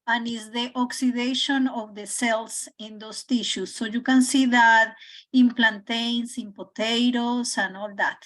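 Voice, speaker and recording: A woman's voice: fairly high pitch, fairly even intonation, unhurried, a bit bright. A woman giving informal, instructive explanations, set out piece by piece with precise wording.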